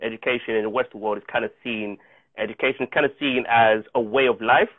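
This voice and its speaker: A guest actor, a South African man in his thirties whose native language is Chichewa, shares earnest, reflective stories in a casual interview, frequently restarting his sentences. He's in a home room on a video call with an earphone mic. His mid-range voice has fairly even intonation and a quick pace, and the tinny, phone-like audio is dry with no echo.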